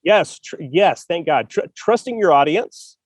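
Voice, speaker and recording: Calling in from a city park over patchy public Wi-Fi, this writer and podcast co-host rambles, cracks jokes and laughs frequently while discussing writing. His slightly high, breathy voice is animated but measured in pace. The recording is dry and of studio quality.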